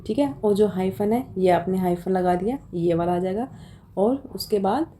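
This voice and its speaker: A woman, tutoring for an exam, who explains slowly in Hindi and reads out English questions, with many fillers. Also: mid-range voice, dark tone, a little hiss or hum. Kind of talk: informal exam-prep lesson.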